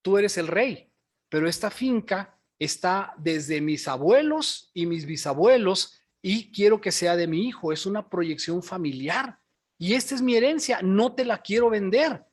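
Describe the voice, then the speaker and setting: A humble farmer defending his family land, as a male preacher puts him on. Calm and resolute, with a plain, unshowy delivery. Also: sits high, unhurried. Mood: firm. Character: humble, firm vineyard-owning farmer.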